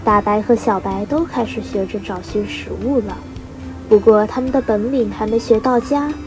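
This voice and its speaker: A teenage girl reading a children's story aloud, steady and expressive, as a student reader. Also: medium pitch, low-quality recording. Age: teens. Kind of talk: storybook narration.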